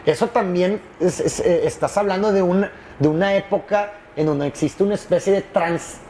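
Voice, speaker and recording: A man's voice: high-pitched, moderate pace, a crowd in the background. A man in a casual chat who talks in an agreeable, affirming way with fillers.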